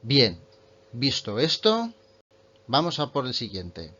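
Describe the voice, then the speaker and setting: A man, a native Spanish speaker, explaining English grammar in an online lesson and slowing right down to read example sentences. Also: mid-range voice, huge pitch swings, pushed and bright, highs cut off. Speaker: English teacher.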